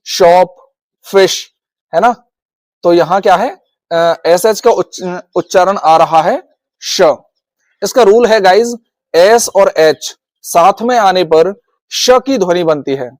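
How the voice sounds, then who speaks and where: A man with an Indian accent runs a video lesson on English pronunciation. His voice sits high and the sound is dry and close, with no room around it. He often calls his viewers "guys" and repeats each rule as he goes. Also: a little mellow, no room sound. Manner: repetitive, addresses viewers as guys. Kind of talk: classroom-style video lesson.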